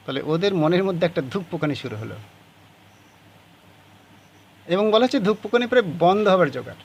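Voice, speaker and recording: A man's voice: sits high, expressive, fast, gravelly. Man teaching a story lesson. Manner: reads story lines aloud and explains answers. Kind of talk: explaining a class ten story lesson.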